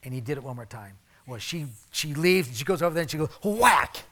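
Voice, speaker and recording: Male pastor, middle-aged, sermon, animated storytelling, slightly high voice. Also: a little fast. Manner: animated storytelling, swings between loud emphasis and soft asides.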